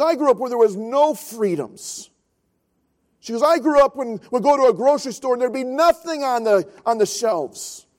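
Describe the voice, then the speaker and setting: A pastor with a high-pitched, slightly mellow voice delivers a Sunday sermon. He tells a story earnestly, repeating phrases to drive his points home.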